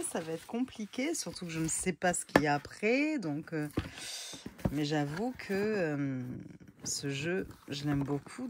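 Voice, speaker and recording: A woman's voice: lowish voice, very noisy. A woman casually reviewing tarot and oracle decks, chatty and hesitant with many fillers. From France.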